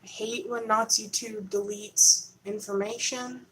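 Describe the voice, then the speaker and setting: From her home in Texas, a woman hosts a rambling, conspiratorial livestream, talking casually into a camera on a holder. Her mid-range voice is steady, measured, and a bit bright, with slight background noise on a low-quality recording. She's chatty and keeps interrupting herself.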